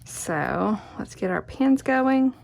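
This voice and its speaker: A woman's voice: medium pitch, animated, slow pace, vocal fry, a little mellow, faint music behind. A woman giving a casual hands-on craft tutorial, chatty and murmuring encouragement to herself as she works. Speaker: quilting tutorial host. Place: indoors at a craft worktable.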